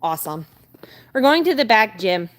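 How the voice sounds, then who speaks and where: Very animated, with a medium pitch and normal speed, a woman in her late twenties chats casually while exercising live on stream. She's in an indoor gym and tends to repeat herself. Gym noise is audible, and she moves nearer to and farther from the mic.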